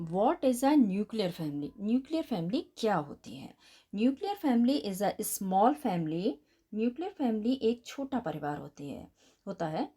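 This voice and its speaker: A woman teacher with an Indian accent walks children through their answers, her fairly high voice rising and falling with lots of expression. She dictates English at an unhurried pace, spells words out letter by letter, and calls her pupils 'beta'. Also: dark tone. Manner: addresses children affectionately as 'beta'. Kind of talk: bilingual classroom lesson explaining answers.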